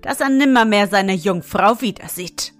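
Frau als unheilvoller sprechender Rabe. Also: female voice, mid-range voice, moderate pace, faint music behind, lightly acted. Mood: ominous. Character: gossiping talking ravens, ominous and knowing.

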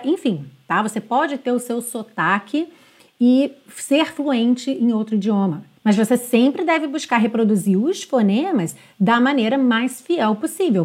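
A woman teaching English pronunciation, slowly modeling sung phrases and checking in with her students patiently. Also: fairly high pitch, slightly rough. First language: Portuguese.

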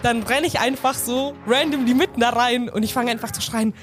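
A woman's voice: on the high side, a little fast, soft background music. A woman chatting casually as a player in a tabletop game, improvising what her character thinks and does. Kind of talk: casual improvised role-play chat.

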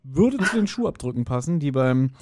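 Over background music, a podcast co-host with a mid-range, sing-song voice chats casually at a fairly quick pace. He recounts and discusses things in a joking way, chuckling often.

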